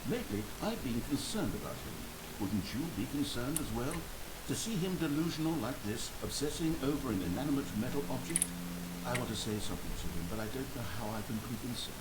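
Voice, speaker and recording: A man's voice: mid-range voice, sing-song, a little fast, natural voice. A man playing a fussy, earnest storyteller who narrates a video game in theatrical storybook style. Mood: concerned. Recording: echoing game audio with loud hiss.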